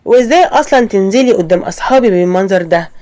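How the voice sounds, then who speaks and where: A woman with an Egyptian accent voicing a snobbish, contemptuous older mother-in-law in an animated story. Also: medium pitch, racing, close to an everyday voice. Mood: scolding. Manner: scolding, contemptuous.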